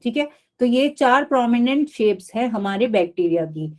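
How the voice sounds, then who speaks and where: Woman teacher doing a live bio class online, kinda high voice, keeps asking the kids if they got it. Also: lively intonation, normal speed. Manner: repetitive, checks in with students often. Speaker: biology teacher.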